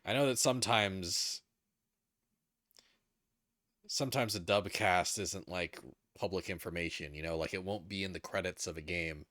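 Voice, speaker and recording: A man's voice: low-pitched, dry recording, studio quality. A man giving casual, joking commentary as he plays a video game. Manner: animated, joking.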